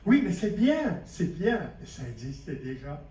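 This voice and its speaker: This Belgian conference speaker talks to teachers in a fairly high, dark-toned voice whose pitch swoops wildly, and he takes his time. He jokes at his own expense, chats easily, and often quizzes the audience. Recorded from afar in a reverberant hall, with faint noise.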